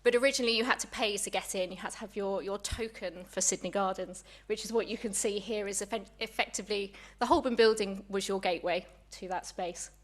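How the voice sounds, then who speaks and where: A woman's voice: medium pitch, steady tone, a little fast, few pauses. A young woman, a museum curator, giving a public lecture in a chatty, friendly way, a little out of breath. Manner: warm, chatty, apologetic asides. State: slightly out of breath.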